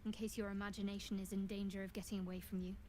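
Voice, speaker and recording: A woman's voice: mid-range voice, level tone, rapid-fire, dark tone, lightly acted. A woman playing a guarded, stoic adventurer in a video game, dry and understated.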